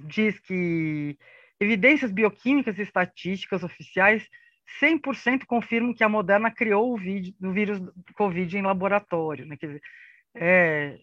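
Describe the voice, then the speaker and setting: In an online debate streamed live and recorded for a podcast, a Brazilian-accented male panelist uses slides to give an informal talk on disinformation. He speaks at a moderate pace in a fairly bright, high voice, explaining things conversationally and often tacking on tag questions. The audio is dull with no room sound.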